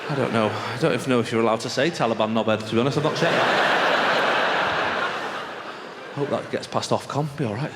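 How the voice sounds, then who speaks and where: On stage in a large venue, a Mancunian man does stand-up for a live crowd, telling chatty stories and acting out exchanges. His medium-pitched voice runs fairly quick with long pauses, and the hall sounds echoey with clear background noise.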